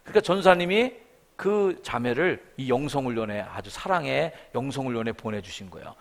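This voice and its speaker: A man's voice: medium pitch, brisk. A middle-aged man preaching a revival sermon in a church, telling stories and acting out the voices of the people in them. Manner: animated storytelling, acting out quoted voices. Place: church sanctuary.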